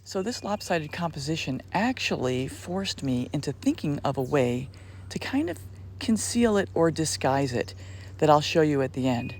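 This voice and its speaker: A woman's voice: low-pitched, big pitch swings, moderate pace, a little mellow, slight background noise. A woman hosting an art tutorial, chatting and thinking aloud as she works, sometimes dropping to a whisper. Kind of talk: casual tutorial narration.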